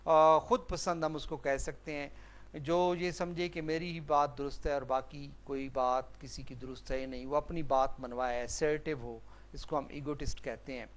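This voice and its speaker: A man's voice: a little high, steady tone. A male teacher explaining a play line by line, listing English synonyms and switching between English and Urdu. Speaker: literature teacher.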